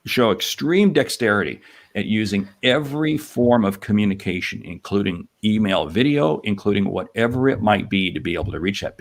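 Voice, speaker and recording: A man's voice: lowish voice, creaky. A man co-hosting a sales podcast, talking in an emphatic, punchy way. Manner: emphatic, punchy, animated delivery. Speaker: podcast co-host. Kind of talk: energetic sales podcast talk.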